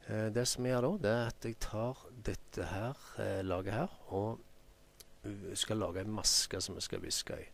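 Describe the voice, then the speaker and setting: A man with a Norwegian accent giving an unhurried software tutorial, thinking aloud with many ums as he works. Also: on the low side, fairly even intonation, vocal fry. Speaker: photo editing tutor. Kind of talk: screen-recorded software tutorial.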